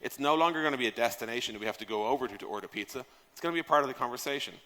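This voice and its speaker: Rapid-fire and pushed bright, a mid-range male voice delivers an informal talk on software product design from a large conference stage. He's conversational and emphatic, throwing out rhetorical questions and casual swear words, while the hall adds a long reverb.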